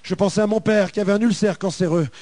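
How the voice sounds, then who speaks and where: A man's voice: high-pitched, fairly even intonation, quick pace, warm tone, no echo. A man with a French accent telling a dramatic personal testimony, emphatic and repetitive in his storytelling. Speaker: testimony speaker.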